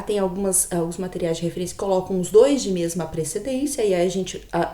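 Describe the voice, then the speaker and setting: A woman's voice: medium pitch, dark tone, roomy sound. A woman giving a logic lecture, patiently explaining and often checking in with her students. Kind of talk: recorded online lecture.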